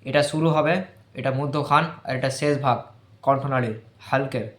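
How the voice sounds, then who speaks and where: A man giving an informal lesson, explaining patiently and loudly repeating the letter sounds for practice. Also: mid-range voice, steady tone, moderate pace, echoey room. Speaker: teacher of Quran letter pronunciation.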